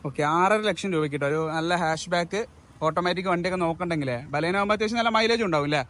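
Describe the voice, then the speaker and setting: A higher-pitched man from Kerala hosts a casual car showroom vlog interview about used cars, talking fast in a slightly bright voice. He mixes English words into his Malayalam, repeats answers back, and checks with questions.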